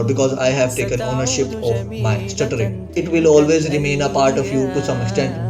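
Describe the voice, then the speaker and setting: Heard from a distant mic, an earnest young man with a mid-range voice gives casual self-help advice to the camera as a student. Small restarts and repeated "bro" and "like" mark his speech, and nasheed vocals play clearly in the background.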